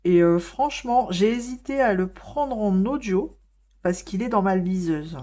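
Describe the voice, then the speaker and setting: A woman's voice: medium pitch, unhurried, dark tone. A woman chatting casually in a vlog while coloring, with lots of fillers and hesitations, laughing now and then. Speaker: vlogger.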